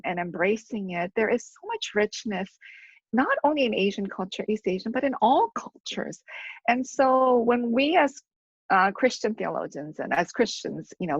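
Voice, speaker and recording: A woman's voice: medium pitch, husky, no echo, dull audio. A woman born in Korea and raised in Canada, a theologian talking earnestly about her book in a live online conversation, with many fillers. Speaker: theologian, guest author. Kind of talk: live video-call book discussion. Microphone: video call.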